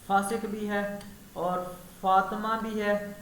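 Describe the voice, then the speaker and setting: A man's voice: sits high, little pitch movement, a bit bright. A man leading an online teacher training lesson, explaining step by step and quizzing his trainee as he goes. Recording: echoey room, faint hiss.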